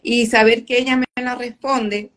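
A woman's voice: fairly high pitch, level tone, moderate pace, fairly bright tone. A woman speaking earnestly and gratefully as a guest in a spiritual reading, emotional as she talks. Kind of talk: emotional conversation.

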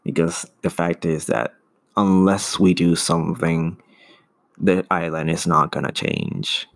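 A man's voice: low-pitched, fairly even intonation, a little slow, creaky. A man hosting his own podcast, talking earnestly in a casual monologue and often restarting to find his words. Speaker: solo podcast host.

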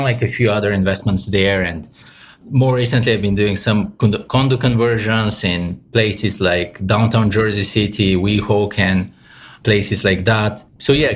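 Man, lowish voice. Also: a little hiss or hum. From Bulgaria. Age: 30s. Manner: hesitant, many "um" and "like". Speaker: guest, real estate investor. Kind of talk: interview answers.

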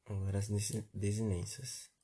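Male teacher, gravelly low voice, flat steady delivery, reads word lists methodically. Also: normal speed. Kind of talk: grammar lesson review.

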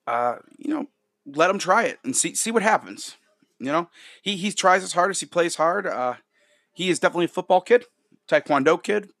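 A man with a fairly high, forceful voice hosts a sports podcast. He talks casually and gives opinions emphatically, doubling phrases for punch. The sound is dry and close. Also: dry recording. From Rochester, New York, United States.

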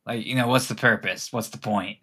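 A man voicing a tiny elf townsman in a tabletop game, squeaky, rambling and politely exasperated, with casual swearing. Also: steady tone, fairly quick, bright, forceful tone, slightly rough. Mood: bewildered, rambling.

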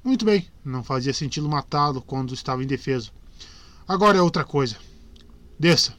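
A man's voice: medium pitch, expressive, a little fast, a bit bright, lightly acted. A man reading a curt, commanding witcher. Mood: stern. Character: grim gruff male witcher, middle-aged monster hunter. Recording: dry close recording.

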